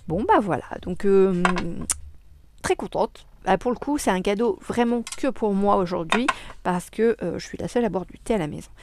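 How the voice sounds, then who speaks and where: A woman's voice: mid-range voice, animated, normal speed, background noise. A woman chatting casually in a crafting vlog at her home desk, cheerful and enthusiastic, with frequent hesitations and filler sounds. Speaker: crafting vlogger.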